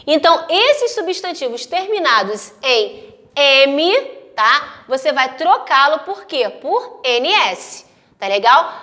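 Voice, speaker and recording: A woman teacher with a Brazilian Portuguese accent and a high voice gives a lesson to young pupils. She goes through each rule patiently and stretches out her example words carefully. She keeps checking that her listeners are following along. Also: fairly bright tone. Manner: patient, explains step by step, often checks in with "tá?". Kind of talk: recorded classroom lesson for children.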